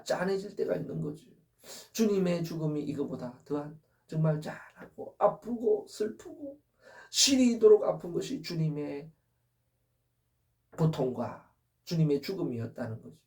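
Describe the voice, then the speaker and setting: High-voiced mellow man preaching a sermon. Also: lively intonation, normal speed, gravelly, far from the mic. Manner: earnest, full of rhetorical questions. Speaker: pastor. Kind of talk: Easter sermon.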